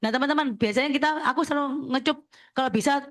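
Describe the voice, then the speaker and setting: A woman, an insurance agency leader briskly coaching listeners and checking in with them as she talks. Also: high-pitched, a bit bright. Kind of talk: sharing tips at a talk session.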